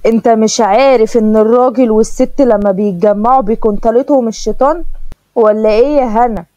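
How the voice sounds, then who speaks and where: A quarrelsome, jealous sister-in-law snaps her accusations in an Egyptian accent, voiced by a woman narrator. The voice is high and warm, and the sound is dry and slightly dull. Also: fairly even intonation, fast, dry recording, natural voice. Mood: accusing. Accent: Egyptian Arabic. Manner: sharp, accusing.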